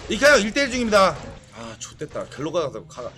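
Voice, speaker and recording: A man streaming a game live, excitable and trash-talking, swearing and bursting into shouts during fights. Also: high voice, brisk, slight background noise. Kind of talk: live game-play commentary.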